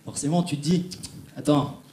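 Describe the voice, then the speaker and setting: A man's voice: a little high, normal speed, warm tone. A young man doing a stand-up comedy set on a theatre stage, chatting straight to the audience. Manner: chatty, addresses the audience directly. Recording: echoey theatre.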